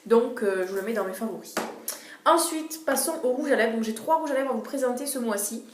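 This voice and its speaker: A woman's voice: fairly high pitch, brisk. Chatty young woman in an echoey room. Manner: chatty, hesitant, repeats words and fillers. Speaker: beauty vlogger. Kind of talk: casual product review. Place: room in a home. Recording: echoey room, faint noise.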